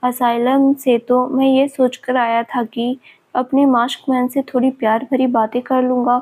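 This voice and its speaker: A woman's voice: high-pitched, a little mellow. A woman voicing a taunting, leering male villain who has escaped from an asylum, in her own narrating voice. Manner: mocking and leering.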